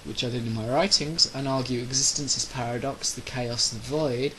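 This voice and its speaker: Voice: mid-range voice, normal speed, a bit bright, a little hiss or hum, rough recording. A person delivering a rambling, opinionated monologue in a theatrical, declamatory way, drawing out phrases for emphasis. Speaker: solo speaker of a rant video.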